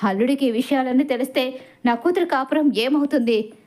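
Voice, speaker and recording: A sharp-tongued middle-aged woman scolds and insults without pause, as a woman narrator plays her. Her voice rides high. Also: close to an everyday voice. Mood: defensive.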